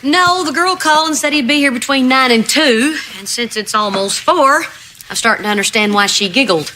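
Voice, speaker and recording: An actress playing a wry, sarcastic mom. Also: female voice, high voice, moderate pace, noisy background, natural voice. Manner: dry, sarcastic. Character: wry, sharp-tongued woman. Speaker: mother throwing a party. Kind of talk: multi-camera sitcom acting.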